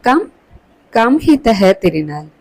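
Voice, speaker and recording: A woman's voice: mid-range voice, big pitch swings, moderate pace, darkish tone, rough recording. A woman reading the lines of a lecherous, menacing fake holy man in a storybook tale. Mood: coaxing.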